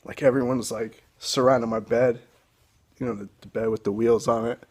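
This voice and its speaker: A young man shares his personal story on a phone camera, earnest and emotional, speaking haltingly. He has a mid-range voice with fairly even intonation.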